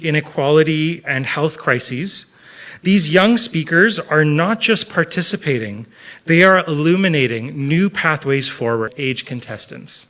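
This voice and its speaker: Higher-pitched man hosting a formal event. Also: fairly bright tone. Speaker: host of a youth speech competition. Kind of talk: formal scripted event introduction.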